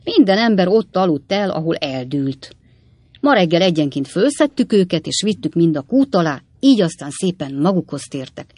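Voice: mid-range voice, big pitch swings, a little mellow, no echo. A reader voicing Sam Weller, a witty, worldly young manservant who tells tall tales offhandedly, in a dry audiobook reading. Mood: wry, lively. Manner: wry, storytelling, offhand.

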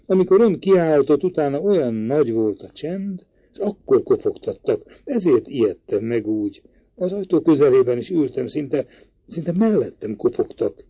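A man voicing a frightened young woman lodger in an audiobook, speaking quietly and anxiously. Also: on the high side, expressive, breathy edge. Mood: anxious, hushed. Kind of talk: audiobook reading. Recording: dry, slightly dull recording.

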